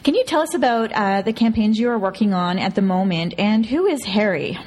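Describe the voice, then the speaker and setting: A woman's voice: mid-range voice, expressive, fairly quick, darkish tone. A woman hosting a community radio show, reading a scripted introduction and then asking friendly questions.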